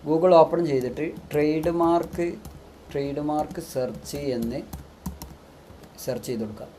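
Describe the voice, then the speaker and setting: A man's voice: medium pitch, mellow, a little hiss or hum. A man working as a business consultant gives a step-by-step tutorial and keeps asking himself rhetorical questions as he explains.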